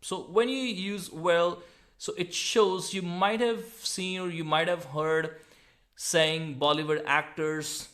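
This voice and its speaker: A man with an Indian English accent talks through a model exam answer at an unhurried pace. His voice sits fairly high, and he explains each word with deliberate repetition. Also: fairly even intonation, fairly bright tone. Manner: slow, deliberate, repeats and explains words. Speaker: IELTS teacher.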